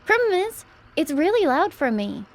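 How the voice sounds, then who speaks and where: A woman's voice: extremely high pitch, sing-song, normal speed. A woman livestreaming a horror game as a scared, jumpy streamer, chatting to viewers and exclaiming as she plays. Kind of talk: horror game livestream chat, reacting while playing.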